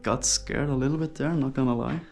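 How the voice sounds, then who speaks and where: A man speaks casually through a face mask in a musing, hushed way, narrating his solo exploration for viewers. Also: medium pitch, steady tone, brisk, faint music behind. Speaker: solo urban explorer vlogger. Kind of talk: casual exploration commentary to camera. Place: inside an abandoned hotel's rooms.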